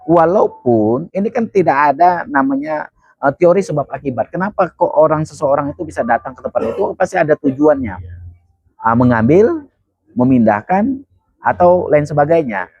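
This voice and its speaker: A man's voice: on the high side, big pitch swings, normal speed, darkish tone, slightly rough, no echo. Male legal expert, emphatic explainer in an interview, dry and slightly muffled lo-fi sound. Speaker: criminal law expert. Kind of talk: interview answers explaining law.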